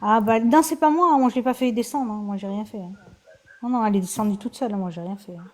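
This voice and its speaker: A woman's voice: mid-range voice, fast, darkish tone. A woman hosting a casual live chat, often repeating her words insistently.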